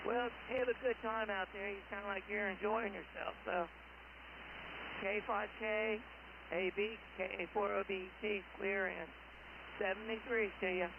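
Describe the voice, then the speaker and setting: A man on a ham radio contact, talking slowly and plainly, his voice coming through a radio with static. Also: high voice, fairly even intonation. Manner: slow, plain-spoken, spells out call signs. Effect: heard over a ham radio with static. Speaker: ham radio operator calling in. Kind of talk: casual on-air radio contact. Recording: muffled radio signal with loud static.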